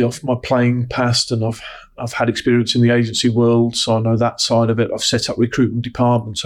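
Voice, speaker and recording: A middle-aged man gives conversational interview answers as a sports executive. His medium-pitched voice stays very even, measured and businesslike. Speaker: interviewee, football operations executive.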